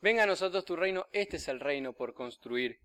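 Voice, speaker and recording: Rioplatense man preaching, smooth clear voice. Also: fairly high pitch, lively intonation, a little fast. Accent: Rioplatense Spanish. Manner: storytelling homily, rising for emphasis then dropping soft. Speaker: priest. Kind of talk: sermon.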